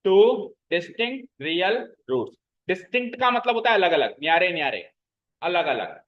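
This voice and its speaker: A man teaching a maths class, explaining slowly, repeating key terms and often checking whether the students follow. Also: high voice, very animated, lo-fi sound, slight background noise. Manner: checks understanding with frequent questions to the class. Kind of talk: classroom lecture.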